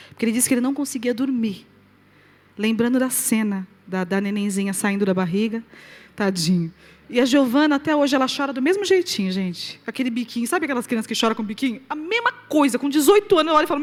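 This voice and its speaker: A Brazilian woman with a high voice and a Brazilian Portuguese accent gives a lively testimony from the pulpit. Her story rises to loud, high exclamations and drops to soft, quiet asides. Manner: animated storyteller, swings loud and soft, laughs along. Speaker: preacher. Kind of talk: testimony to a live audience.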